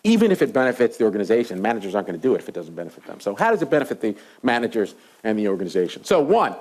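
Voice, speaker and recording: A man's voice: lowish voice, big pitch swings, racing, darkish tone. A middle-aged man giving a university lecture, telling stories with animation and asking the audience rhetorical questions. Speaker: associate professor lecturing.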